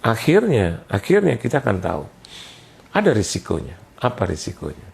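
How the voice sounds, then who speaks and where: A man preaching a sermon, telling an animated, jokey story and acting out the voices of the people in it. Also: fairly low pitch, normal speed, vocal fry, a little hiss or hum. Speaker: pastor.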